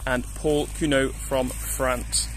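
A man's voice: medium pitch, level tone, slow pace, very noisy. A young man presenting outdoors on a grass field, talking upbeat and explaining things, recorded on a phone held at arm's length. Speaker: event presenter. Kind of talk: on-location presenting.

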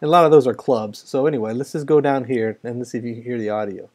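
A middle-aged American man, an amateur radio operator and vlogger, talks casually and informally about his hobby, mixing vlog chatter with radio call-outs. His voice is medium in pitch and darkish in tone, and he speaks quickly. The recording comes from a small indoor home radio room and is noisy, with radio static.

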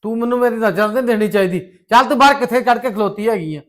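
A man's voice: high-pitched, racing. An actor playing an angry brother who scolds his sister and family. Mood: stern. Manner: loud, scolding. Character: angry brother, head of the young household.

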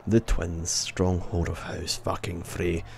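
A man giving sweary let's play commentary, reacting loudly to the game. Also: deep voice, completely flat delivery, takes it slowly, creaky, slight background noise. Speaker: gaming YouTuber. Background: game music.

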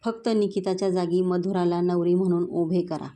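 A woman reads a confident young groom in a storybook reading, speaking with calm authority. The voice is low and mellow. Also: moderate pace, slight background noise, close to an everyday voice. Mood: assured. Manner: assured, commanding.

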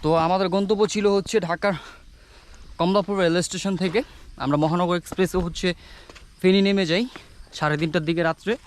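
A young man narrating a casual travel vlog outdoors, chatty and addressing viewers as guys, mixing in English words. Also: high voice. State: out of breath from climbing. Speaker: travel vlogger. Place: outdoors on a hill trail and beach. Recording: faint outdoor noise.

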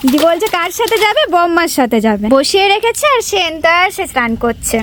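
Very high-voiced doting Bengali mom vlogger. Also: female voice, sing-song, brisk, fairly bright tone, a little hiss or hum. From West Bengal, India. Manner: chatty, doting baby talk to a toddler. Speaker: vlogger, mother. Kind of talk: casual vlog narration. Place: outdoor home courtyard. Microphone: wireless lapel mic.

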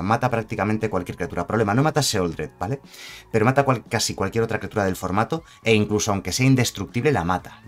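Fast-talking low-voiced man. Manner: chatty, self-correcting, asks rhetorical "¿vale?". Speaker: card game content creator. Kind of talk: casual card review commentary.

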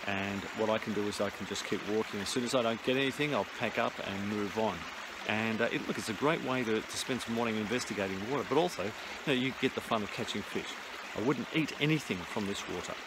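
A middle-aged Australian man explaining his fishing plan in a relaxed, rambling way, with fillers and restarts, filmed outdoors by a creek on a phone held at arm's length. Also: lowish voice, quick pace. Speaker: fishing vlogger. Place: outdoors by a shallow suburban creek. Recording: outdoor phone audio with stream noise. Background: trickling stream.

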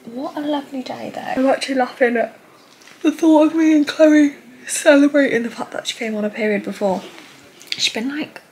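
Chatty young woman vlogging, slightly high. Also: fairly quick, a little mellow. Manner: chatty and bubbly, drops to a whisper. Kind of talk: casual vlog chat. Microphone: handheld camera or phone. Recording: noisy handheld recording.

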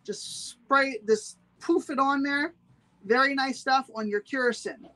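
A woman's voice: high voice, measured pace, sharp tone, poor audio. Chatty woman hosting a live sale. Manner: chatty, repeats each price twice. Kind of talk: live-streamed sales pitch.

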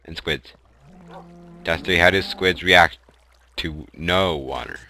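A man giving excitable let's play commentary and crying out when his character dies. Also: low-pitched, measured pace, slight background noise. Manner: excitable, shouting at in-game deaths. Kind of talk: game commentary.

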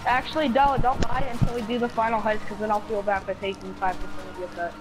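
A man's voice: sits high, flat delivery, quick pace, low-quality recording. A young man chatting casually and swearing as he plays an online game and haggles with his friends. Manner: profane, bargaining. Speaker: gamer playing online with friends. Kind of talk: casual gaming chat. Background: video game sounds and music.

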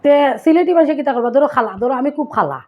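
A woman vlogger with a Sylheti accent, casually explaining local sayings and acting them out with lively bits of storytelling. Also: sits high, very fast, lo-fi sound.

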